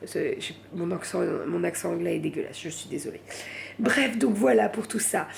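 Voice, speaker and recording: A woman's voice: fairly low pitch, lively intonation, normal speed, creaky, a little hiss or hum. A woman vlogging late at night from home, chatting casually and rambling, saying voilà at the end of her sentences.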